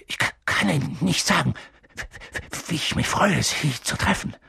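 Male reader as a jittery, stammering young professor in an audiobook, soft and breathy. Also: on the high side, lively intonation, normal speed, no echo, studio quality, exaggerated voice. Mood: nervous. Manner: stammering, hushed, nervous. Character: nervous pale young male teacher who stammers.

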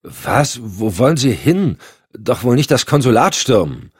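A man's voice: medium pitch, very animated, measured pace, slightly rough, dry recording, clean studio sound, voice pushed up. A man voicing a nervous young male junior agent who stammers anxiously. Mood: alarmed.

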